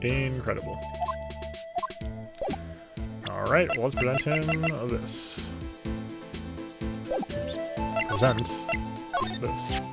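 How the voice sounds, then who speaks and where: A man's voice: mid-range voice, takes it slowly, vocal fry, pauses often, over loud music. Chatty man streaming a game. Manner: chatty, self-deprecating asides. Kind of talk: casual let's-play commentary.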